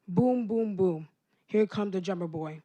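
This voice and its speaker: A man's voice: high-pitched, measured pace, warm tone. A teenage boy in tenth grade performing a rhythmic spoken word poem at a meeting. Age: teens. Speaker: student poet.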